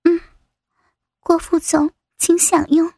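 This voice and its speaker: A woman voicing a meek, humiliated young female secretary who speaks softly and hesitantly. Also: very high-pitched, little pitch movement, takes it slowly, creaky, no echo, clean studio sound, heavily acted. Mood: timid. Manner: soft, hesitant, submissive.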